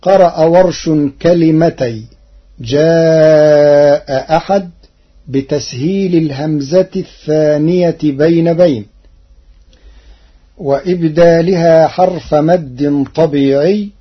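Slow, husky-voiced man teaching recitation. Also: fairly high pitch, highs cut off. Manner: measured, methodical explanation with verse quotes drawn out slowly. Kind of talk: explaining Quranic recitation rules.

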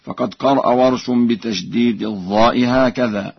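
A man teaching Quran reading variants, explaining calmly and chanting the verses slowly as examples. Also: medium pitch, creaky, breathy edge, dry recording, lo-fi sound. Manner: measured explanation broken by slow chanted verses.

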